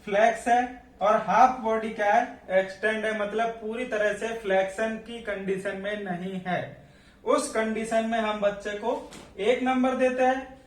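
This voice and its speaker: A man's voice: high voice, steady tone, measured pace. A man teaching a nursing class as a lecture, asking questions and then answering them himself. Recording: echoey room, voice from a distance.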